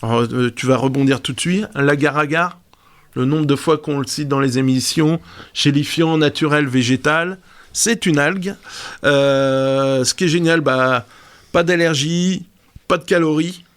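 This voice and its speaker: A man's voice: fairly high pitch, a little slow. A man presenting a segment on a radio show, explaining things casually and hesitantly, with many fillers.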